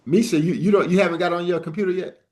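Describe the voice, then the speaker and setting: Talking very fast in a high, steady, darkish voice, a man teaches a casual live trading class via video call. His style is loose and joking, and he often repeats words while restarting a thought.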